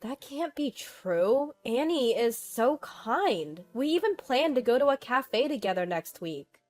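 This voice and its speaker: A young mother speaks in a strained, wounded tone, her voice pitched a little high, as a woman reads her. Soft music plays in the background. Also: big pitch swings, unhurried. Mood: distressed. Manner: hurt, strained.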